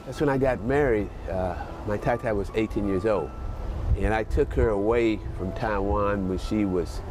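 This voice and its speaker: Retired older man speaking reflectively. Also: fairly low pitch. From United States. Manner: reflective, halting, with restarts. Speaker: retired volunteer English teacher. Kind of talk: documentary interview.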